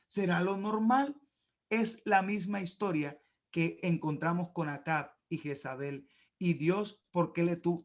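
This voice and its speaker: A man who is a pastor, preaching a sermon with emphatic, rising passages and repeated words. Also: high-pitched.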